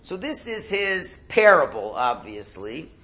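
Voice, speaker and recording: A man with a fairly high, forceful voice teaches as a rabbi, reading a religious text and putting it into plain words. His speech is slightly off, as with a cold sore in the mouth, and he explains by restating each phrase. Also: big pitch swings, measured pace. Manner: explanatory, repeats phrases in translation. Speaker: rabbi giving a class. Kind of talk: religious text lesson, reading and translating aloud.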